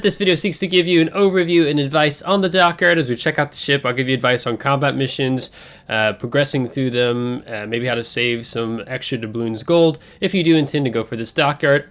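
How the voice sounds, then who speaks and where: Guy with a stuffy congested voice doing a casual game rundown at his desk mic, mid-range pitch, rambly, lots of ums. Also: a bit bright. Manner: chatty, rambling with fillers and self-corrections. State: congested from air travel. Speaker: gaming channel host.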